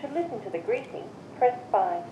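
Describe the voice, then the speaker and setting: A woman's recorded voice reading voicemail system menu prompts in measured, evenly spaced instructions, heard through a phone speaker. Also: a little high, animated, warm tone. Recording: muffled, echoey phone speaker with hiss.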